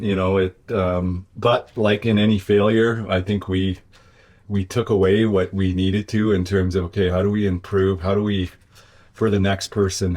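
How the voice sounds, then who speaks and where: A man with a low, slightly mellow voice speaks as an interview guest. He is a business owner, and his talk is reflective and conversational, thoughtful, with frequent searching for words.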